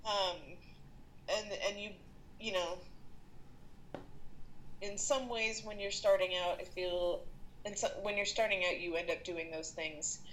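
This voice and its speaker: A woman's voice: mid-range voice, fairly even intonation, unhurried, pauses often, fairly bright tone, a little hiss or hum, rough recording. A woman freelance artist in casual conversation, thoughtful and searching for words. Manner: thoughtful, many fillers and restarts. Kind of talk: casual chat.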